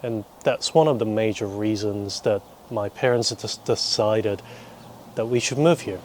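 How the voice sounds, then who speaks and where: This young man was born in South Korea and raised in New Zealand from his preteens, and he speaks in a low voice. A vlogger and teacher, he rambles casually to camera with dry, wry humour and deliberate pauses, over a slight hiss or hum.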